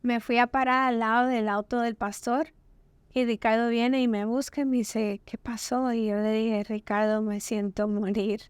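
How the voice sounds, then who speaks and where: A woman with a higher, smooth and resonant voice tells her personal testimony as a podcast guest. She recounts the story vividly, slipping into the voices of the people she quotes. The sound is dry and close, as in a small studio. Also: fairly even intonation, normal speed, dry recording. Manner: vivid, acts out quoted dialogue.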